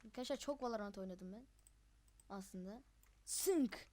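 Over live gameplay, a young host keeps up an excitable, chatty commentary, often letting out frustrated yelps. The voice is mid-range.

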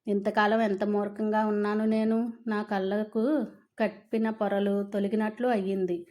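A woman's voice: medium pitch, flat delivery, unhurried, mellow, close to an everyday voice. A woman reading the part of a remorseful older husband begging his wife's forgiveness in a storybook tale. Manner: contrite, pleading.

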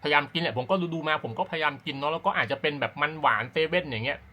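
Bright, forceful man chatting casually. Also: a little high, racing. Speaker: amateur runner hosting a running vlog. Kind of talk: casual talk to camera about personal routine.

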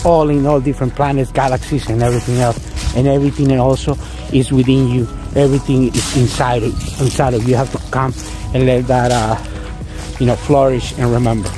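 A man in his fifties, a spiritual teacher, talking earnestly into a phone at arm's length outdoors in a wooded park, halting with many fillers and restarts. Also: medium pitch, flat delivery, music in the background. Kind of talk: spiritual vlog monologue. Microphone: phone held at arm's length.

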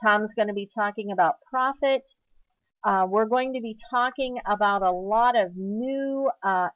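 Slow-talking woman announcing a conference. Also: fairly high pitch, dry recording, lo-fi sound. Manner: slow, deliberate announcement with fillers. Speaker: gift basket school owner announcing a conference. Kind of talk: slide-show promotional voice-over.

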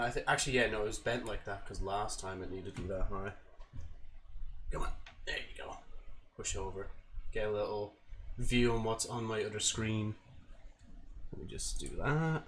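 Guy streamer w a lowish voice, casual sweary rambling, bit of noise behind him. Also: fairly bright tone. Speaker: livestreamer. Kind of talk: casual chat to a livestream audience. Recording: noticeable background noise.

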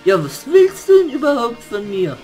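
A man's voice: very high-pitched, wildly swooping pitch, normal speed, darkish tone, faint music behind, full character voice. A man voicing a sassy, whiny raven servant in a puppet theater play, who back-talks and complains. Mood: indignant. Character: cheeky, grumbling raven servant.

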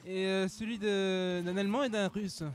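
A man's voice: high-pitched, steady tone, moderate pace. A man co-commentating a fighting game in a joking, playful, rambling way. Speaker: esports co-commentator.

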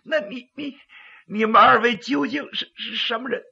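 A male storyteller voicing a greedy, cowardly, blustering county magistrate in a raspy, dramatic voice. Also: very high voice, fairly even intonation, moderate pace, sharp tone, muffled recording, pitched above the performer's own voice, heavily acted. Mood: frightened, stammering. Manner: dramatic, stammering when frightened.

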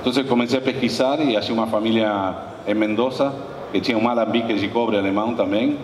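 A man from Argentina speaking Portuguese with an Argentine Spanish accent as a guest speaker on stage, telling his story in a halting way full of restarts. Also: fairly low pitch, fairly even intonation. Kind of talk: conversational stage interview. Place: large conference hall, on stage. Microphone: handheld mic, far camera. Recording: roomy hall from far off, with audience noise.

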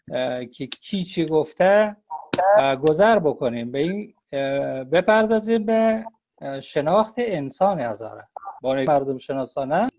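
A man speaks as a guest scholar on a live online stream. His voice sits a little high, and he talks in a halting, searching way with many drawn-out pauses. The sound is dull and lo-fi, as on a call. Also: darkish tone. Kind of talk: explanatory talk in a live online interview. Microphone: phone or computer on a live video call. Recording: dull lo-fi livestream audio.

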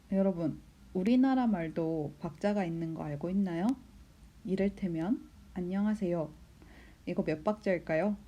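A woman teacher giving a recorded lesson, patiently asking the class questions, answering them herself and counting beats aloud slowly. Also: mid-range voice, dark tone. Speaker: Japanese teacher. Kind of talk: recorded school lesson explanation.

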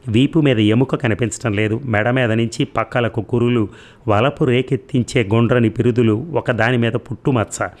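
A man narrating a story in a calm, measured reading voice. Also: mid-range voice. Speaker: audiobook narrator.

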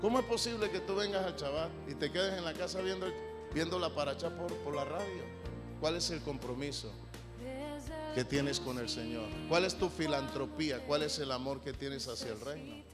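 A man preaching a sermon, theatrical, swinging from shouts to mocking asides. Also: on the high side, moderate pace. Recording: long hall reverb with loud music. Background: music.

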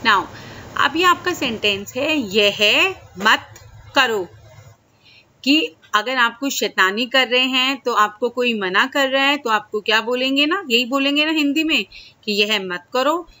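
A woman teacher explaining simple English sentences to children in Hindi, checking in often and saying the example phrases slowly. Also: high-pitched, pushed and bright. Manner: slow, drawn-out example sentences. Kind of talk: classroom-style lesson to children.

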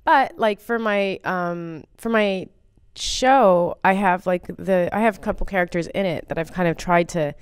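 This is an American woman comedian talking in a casual, rambling way, poking fun at herself and using lots of fillers. Her voice sits a little low and comes across smooth and clear. The recording is close and dry. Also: unhurried, hardly any pauses, no room sound. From United States. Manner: rambling, self-deprecating, many fillers. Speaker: comedian guest. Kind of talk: casual interview chat.

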